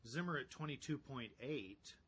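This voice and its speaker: A man co-hosting a casual financial talk show, who talks through stock figures in a measured way and thinks aloud as he goes. His voice has a bright, forceful edge. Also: mid-range voice, expressive, a little hiss or hum. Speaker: value-investing co-host.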